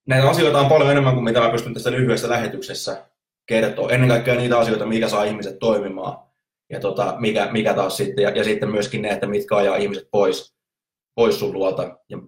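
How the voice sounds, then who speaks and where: A man's voice: lowish voice, steady tone, echoey room. A man hosting a podcast, giving marketing advice in a rambling monologue with many restarts. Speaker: podcast host, marketing coach. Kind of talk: casual monologue.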